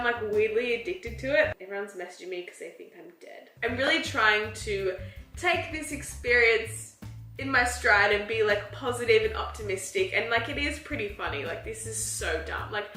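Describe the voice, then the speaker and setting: A woman's voice: mid-range voice, bright, forceful tone, reverberant. A young Australian woman in her twenties vlogging casually to a handheld camera at home, unwell and tired, talking with lots of "like" fillers. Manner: chatty, frequent "like" fillers, self-mocking. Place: home apartment, indoors.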